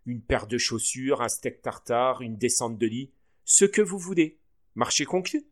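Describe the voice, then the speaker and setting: A man voicing an indignant young boy in a storybook reading, high-pitched and shouting in exasperation. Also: expressive, a little slow, close to an everyday voice. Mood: bargaining.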